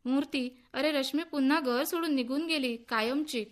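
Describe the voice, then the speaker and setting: Short-tempered young husband, griping and scolding, read by a woman in a high voice for a radio story. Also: natural voice. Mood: distraught. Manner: complaining, quick to anger. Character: irritable, egotistic young husband.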